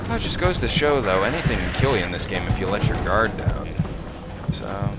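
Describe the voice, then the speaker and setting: A man's voice: on the low side, big pitch swings, fairly quick. A tipsy man giving casual, sweary commentary as he plays a video game during a drinking challenge. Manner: foul-mouthed, swearing freely. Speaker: gamer doing a drinking challenge playthrough. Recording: loud game music behind voice. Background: loud game music.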